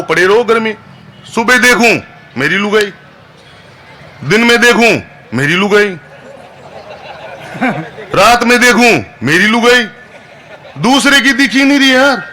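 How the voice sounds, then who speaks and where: A man's voice: high voice, sharp tone, a little hiss or hum. A man, a comic poet reciting live on a festival stage, chatty and always asking the crowd "haan?". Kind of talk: live stand-up poetry recital.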